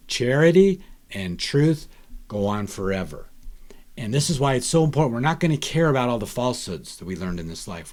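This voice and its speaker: An older man talks with conviction on a podcast, pressing each point and throwing rhetorical questions at the listener. His voice sits in a middle pitch, and he leans hard on key words. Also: a little mellow. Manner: emphatic, preachy, rhetorical questions. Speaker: guest author. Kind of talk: emphatic podcast discussion.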